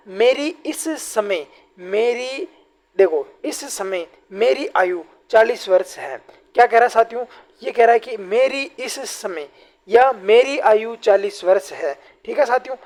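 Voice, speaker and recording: Man, grammar teacher, online exam-prep lesson, repeats phrases, slow deliberate example readings. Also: sits high, animated, a little mellow. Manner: addresses viewers as companions, repeats key phrases; reads example sentences slowly and deliberately.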